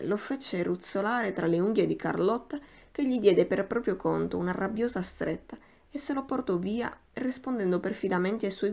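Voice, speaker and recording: Gravelly-voiced woman reading an audiobook. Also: medium pitch. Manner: measured, expressive literary reading. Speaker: audiobook narrator. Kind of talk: scripted audiobook narration.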